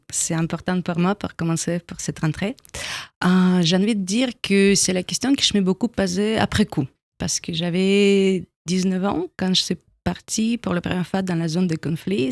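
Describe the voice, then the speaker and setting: Russian-accented woman with a gravelly voice. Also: lowish voice, a little mellow, no echo. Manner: thoughtful, halting, with many pauses and small grammar slips. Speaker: guest, documentary filmmaker. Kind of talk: radio interview. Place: radio studio.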